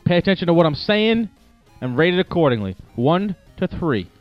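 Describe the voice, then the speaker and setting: A man's voice: fairly high pitch, big pitch swings, moderate pace. A man co-hosting a podcast, chatting in crude banter with friends, rambling and repeating himself. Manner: rambling, repeats himself, laughs at own jokes. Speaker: podcast co-host. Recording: dull lo-fi podcast audio, faint music.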